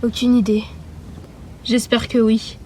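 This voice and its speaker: A woman's voice: on the high side, level tone, takes it slowly, dark tone, a little hiss or hum. A woman voicing casual, hesitant dialogue among several girls in her homemade doll drama. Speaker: creator voicing a fan doll series.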